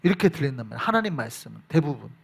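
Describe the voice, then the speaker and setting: A man's voice: mid-range voice, big pitch swings, very fast, vocal fry, fairly bright tone, breathy edge. A man preaching a sermon who keeps asking the congregation questions. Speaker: pastor. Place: church.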